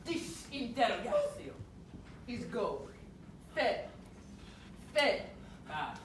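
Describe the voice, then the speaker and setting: A woman's voice: on the high side, big pitch swings, slow, slight background noise. A woman playing a pompous, hot-tempered male Spanish don who interrogates prisoners, with a put-on Spanish accent and a theatrical, blustering delivery in a live stage comedy. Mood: scheming. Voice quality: theatrical, blustering, with sudden shouted outbursts. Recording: echoey stage, picked up from far off.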